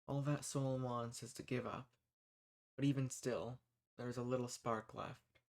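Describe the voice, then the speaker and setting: In a scripted audio roleplay, a man speaks softly to the listener as a kind, folksy human rebel who shelters monsters, earnestly reassuring them with words like "y'all" and "ain't." His medium-pitched voice is steady, a little mellow, and close to everyday speech, with a measured pace and a gentle, comforting mood.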